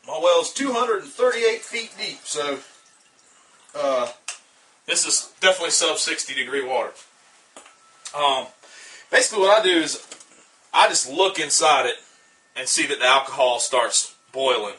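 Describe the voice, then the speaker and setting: A man with a Southern US accent giving a casual how-to demonstration of a homemade stove, relaxed and rambling, with lots of uh and um fillers. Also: fairly high pitch, moderate pace, long pauses. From Southern United States. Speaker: outdoor gear hobbyist demonstrating a stove.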